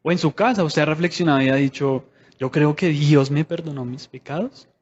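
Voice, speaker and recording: A man's voice: a little high, fairly quick, a little mellow, highs cut off. A man preaching a sermon in a conversational way, asking the congregation many rhetorical questions.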